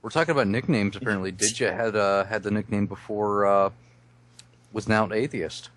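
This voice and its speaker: Low-voiced man ranting, tipsy. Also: fairly quick, fairly bright tone, no room sound. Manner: profane ranting. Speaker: podcast guest. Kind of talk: casual group chat.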